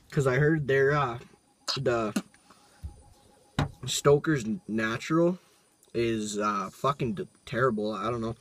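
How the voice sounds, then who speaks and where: A man's voice: medium pitch, slight background noise. A young man in casual vlog chat, talking around a packed wad of chewing tobacco with sweary, laid-back slang, recorded inside a truck cab. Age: young adult. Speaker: product reviewer. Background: music playing.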